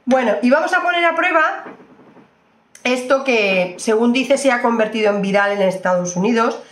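A beauty vlogger chats through a product test, exclaiming and repeating herself as she goes. Her voice sits a bit high. The sound carries a noticeable room echo. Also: expressive, normal speed, a bit bright. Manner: chatty, exclamatory, repeats phrases, addresses viewers fondly. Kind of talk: casual makeup review.

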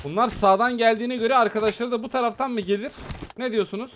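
A man hosting a gaming channel, giving excitable live commentary on a shooter match and chatting casually with his viewers. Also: very high-pitched, fast, slight background noise.

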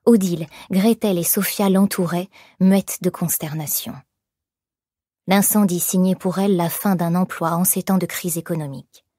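A woman narrating an audiobook in measured, expressive storytelling. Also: fairly low pitch, no echo, studio quality. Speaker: audiobook reader. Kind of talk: scripted narration.

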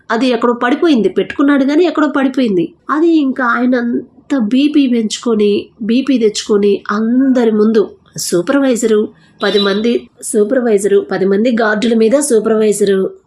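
A woman's voice: on the high side, moderate pace, darkish tone. Earnest woman telling a faith testimony. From India. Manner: retells dialogue in quoted voices, earnest and conversational. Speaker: testimony speaker.

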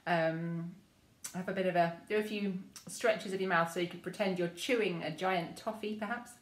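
An English woman leading a memory choir through gentle vocal warm-ups, speaking softly and encouragingly with frequent ums. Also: on the low side, fairly even intonation, moderate pace, echoey room. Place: room at home with rain on the window.

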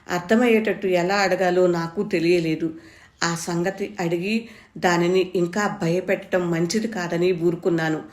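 A woman reading a story aloud, raising her voice for the characters' shouts. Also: lowish voice. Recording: echoey room.

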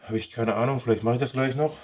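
Speaking fast in a steady, slightly mellow medium-pitched voice, a man with a Ruhr German accent comments casually while tending a bonsai. This vlogger thinks aloud and mutters to himself as he trims.

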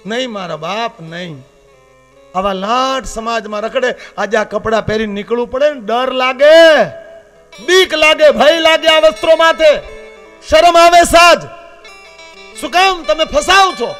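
Fifty-something Saurashtra-accented male preacher, very high voice, fiery sermon cadence over soft instrumental music. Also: unhurried. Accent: Saurashtra Gujarati. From Gujarat, India. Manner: impassioned, swings between loud warnings and low confiding asides. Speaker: Shiva katha preacher. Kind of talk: devotional katha sermon. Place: open-air katha gathering with live accompaniment.

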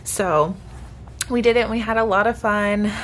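A twenty-five-year-old vlogger talks to the camera from a hotel room, held close at arm's length, sounding casual, earnest, grateful and chatty in reflection. Her medium-pitched voice is steady at a moderate pace, with a little hiss or hum.

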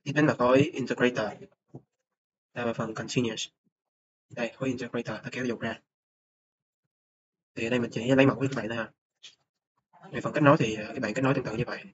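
A man's voice: medium pitch, fairly even intonation, fast, long pauses. Hesitant young man, lo-fi recording. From Vietnam. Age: young adult. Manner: hesitant, many filler sounds. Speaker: student presenter. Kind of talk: screen-recorded course report. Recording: dull lo-fi mic with faint noise.

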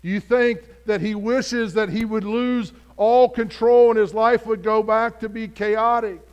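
A man's voice: high-pitched, steady tone, a little slow, a little mellow, clean tone, highs cut off. A pastor preaching a sermon in an earnest, conversational way, putting direct questions to his congregation.

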